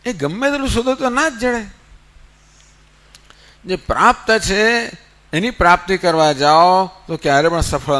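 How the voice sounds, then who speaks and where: A man's voice: high-pitched, a bit bright. A man giving a spiritual discourse, telling a story and asking and answering his own questions. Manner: storytelling with rhetorical questions, counts slowly. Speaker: spiritual teacher. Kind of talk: Gita discourse.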